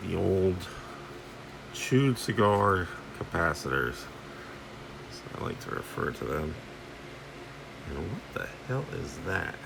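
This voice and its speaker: This radio repair host speaks low and slowly, very animated yet creaky, with long pauses and background noise behind him. He offers rambling, hands-on commentary as he inspects the gear, musing aloud in salty, informal terms.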